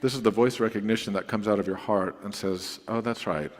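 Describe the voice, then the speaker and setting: A man's voice: fairly low pitch, fairly even intonation, fast. Conversational male pastor in a reverberant hall. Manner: conversational, digressive and playful. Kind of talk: sermon.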